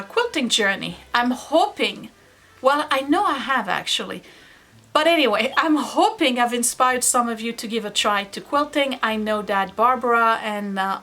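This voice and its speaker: A woman's voice: a little high, sharp tone. A woman hosting a quilting series, talking casually and wandering into self-deprecating asides as she explains. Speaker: host of a quilting video series. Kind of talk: casual tutorial chat.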